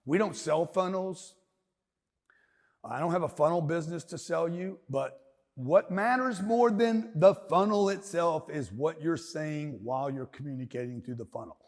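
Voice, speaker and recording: A man in his fifties from Louisiana with a Southern accent, giving a loud, emphatic, rambling and jokey seminar talk as a business mentor. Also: fairly high pitch. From Louisiana, USA. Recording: long hall reverb.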